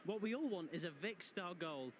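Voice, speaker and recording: A man's voice: sits high, expressive, fairly quick. A man giving comedic live football commentary, joking and quipping with puns. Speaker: match commentator. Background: clear outdoor ambient noise.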